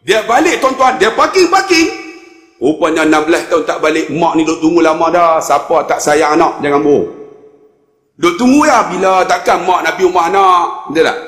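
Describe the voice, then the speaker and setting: A male preacher telling a sermon story, animated, acting out voices and bursting into shouts. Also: on the high side, moderate pace. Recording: echoey hall, faint music.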